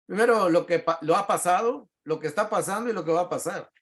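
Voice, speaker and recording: A middle-aged man with a Latin American Spanish accent, a pastor teaching a Bible class in a relaxed, conversational way, reading verses aloud and explaining them with frequent tag questions. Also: high voice, a little fast.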